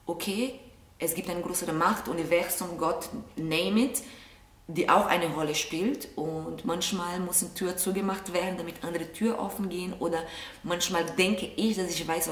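A woman's voice: on the low side, a little hiss or hum. A young woman from Brazil with a Brazilian Portuguese accent, chatting thoughtfully to camera from her sofa. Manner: thoughtful, gestures a lot with her hands. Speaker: vlog host answering viewer questions. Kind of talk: casual chat to camera. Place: living room, seated on a sofa. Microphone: camera a short way off. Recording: roomy sound, mic at a distance.

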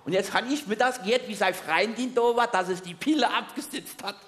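A Saarland German man with a high voice doing a carnival stage routine. He trips and stammers comically over his opening words. The sound rings with a long hall reverb. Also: brisk, fairly bright tone. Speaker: carnival comedian. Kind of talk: stage comedy monologue. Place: large carnival hall with audience.

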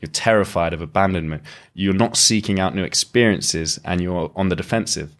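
A man's voice: low-pitched, fairly quick. A man, a lyricist, talking reflectively as a podcast guest and explaining his ideas at length with frequent restarts. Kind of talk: reflective conversational interview.

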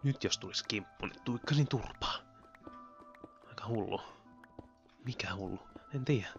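A man's voice: on the low side, gravelly, lo-fi sound, soft background music. A man giving rambling, giggly commentary on his own gameplay as a Let's Play host. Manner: chatty, rambling, giggly, talks to himself while playing.

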